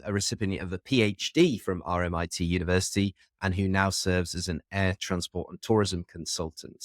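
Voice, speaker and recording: A man's voice: lowish voice, dry recording, studio quality. A man hosting a podcast interview, welcoming and upbeat as he introduces his guests. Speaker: podcast host.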